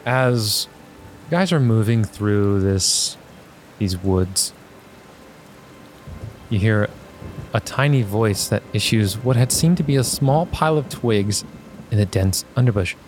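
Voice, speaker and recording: A man's voice: on the low side, slow pace, long pauses, slight background noise. A man running a tabletop role-playing game as game master, describing scenes in a conversational, improvised way. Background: music and rain sounds.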